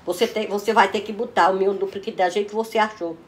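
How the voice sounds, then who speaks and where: A woman with a Northeastern Brazilian accent playing a furious mother in a comedy sketch, scolding loudly with crude insults and sudden outbursts. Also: medium pitch, steady tone, fast talker. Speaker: comic mother character.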